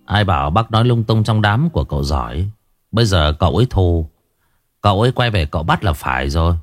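Man as a calm, cold young exorcist; low, commanding, dry close mic. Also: brisk, dry recording. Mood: calm advising.

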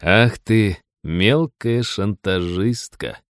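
A man voicing a playful, sarcastic adult man who speaks in a slow, teasing drawl. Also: on the low side, big pitch swings, dry recording, clean studio sound.

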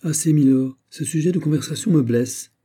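A man's voice: fairly high pitch, normal speed, dark tone, slightly rough, pitched above the performer's own voice. A man reading an audiobook voices a capricious, coquettish young royal princess, speaking in a raised, imperious and peevish way.

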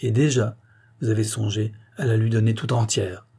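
A man voicing a sharp, cunning young male detective who speaks in an insistent, probing way. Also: on the low side, steady tone, normal speed, slightly rough. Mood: earnest.

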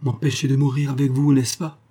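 A man's voice: mid-range voice, little pitch movement, fairly quick, dark tone, slightly rough, voice pushed up, lightly acted. A man reading aloud and voicing a young ship's boy, eager and devoted, in a raised, boyish tone. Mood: earnest.

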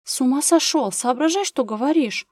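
A woman's voice: on the high side, darkish tone, dry recording, studio quality, lightly acted. A woman voicing tense, agitated Anzhela. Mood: anxious. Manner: tense, agitated, quick to flare up. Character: anxious, overworked young woman at her wits' end.

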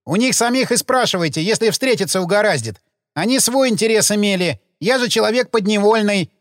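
A man's voice: high voice, expressive, a little fast, no echo, studio quality, pitched above the performer's own voice. A man reading an audiobook, voicing a sullen, frightened male cemetery laborer who talks in agitated, defensive, slangy bursts. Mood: defiant.

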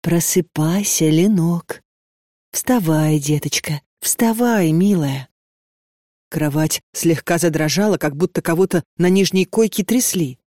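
A reader voicing a stout middle-aged aunt who coaxes in a hushed whisper full of endearments. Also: female voice, on the low side, moderate pace, hardly any pauses, no echo, studio quality, lightly acted. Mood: coaxing.

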